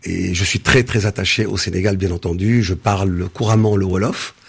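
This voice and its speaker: Husky-voiced older man from Senegal. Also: deep voice, steady tone. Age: 60s. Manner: measured, many hesitations and restarts. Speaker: interview guest, business founder. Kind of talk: interview answers.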